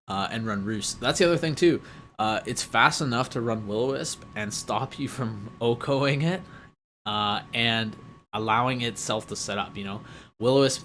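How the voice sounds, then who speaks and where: A man's voice: on the low side, fairly bright tone, slight background noise. A man giving a casual, rambling analysis of a competitive team, full of fillers and self-corrections, running short of breath.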